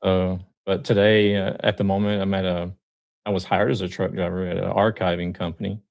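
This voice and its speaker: An American man, a guest truck driver on a live stream, talks in a relaxed, hesitant way full of pauses and ums. His voice sits low with vocal fry.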